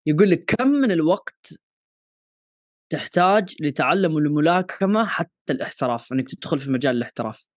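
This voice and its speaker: A man's voice: fairly high pitch, animated, a little fast, no room sound, studio quality. A man with a Gulf Arabic accent co-hosting a podcast, chatting casually and posing questions, with some English words mixed in. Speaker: boxing podcast co-host.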